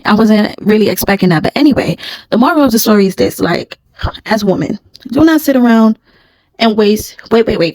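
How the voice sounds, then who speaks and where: A woman's voice: medium pitch, no room sound, poor audio. Frank woman telling a storytime. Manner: frank, animated, slangy, addresses viewers directly. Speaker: vlogger. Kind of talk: casual storytime monologue.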